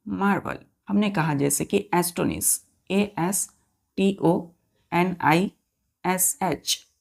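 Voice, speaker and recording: Gravelly-voiced woman teaching vocabulary. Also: fairly low pitch, takes it slowly. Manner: spells words letter by letter, repeats and quizzes pupils; addresses listeners as children. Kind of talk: classroom-style lesson.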